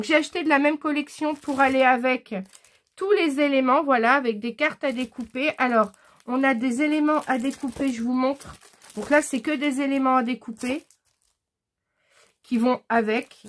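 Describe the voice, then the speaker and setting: Chatty woman with a high voice. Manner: chatty and enthusiastic, with frequent "euh" hesitations. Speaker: scrapbooking vlogger showing her purchases. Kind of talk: casual haul video chat.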